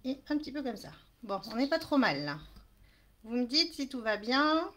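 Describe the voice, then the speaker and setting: A woman's voice: sits high, big pitch swings, normal speed, fairly bright tone. A woman hosting a live crafting demonstration, chatting with viewers and apologizing for camera trouble as she works. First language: French. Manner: chatty, apologetic, greets viewers while working. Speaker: crafting live-stream host.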